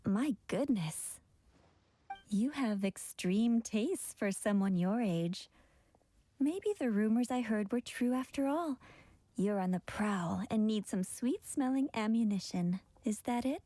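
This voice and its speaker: Coy, mellow-voiced flirtatious woman. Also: medium pitch, lively intonation, slow pace, no echo. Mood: amused, flirtatious. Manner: coy, drawling, teasing. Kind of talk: anime video game character acting. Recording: music behind the voice.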